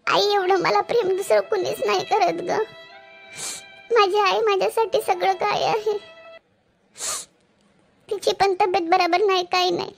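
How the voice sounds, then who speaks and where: A woman's voice: very high voice, steady tone, unhurried, creaky, long pauses, faint music behind, heavily acted. A woman voicing a tearful young married woman, a new mother, who sobs and pleads, in a cartoon. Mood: weary. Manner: sobbing, pleading. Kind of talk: cartoon voice acting.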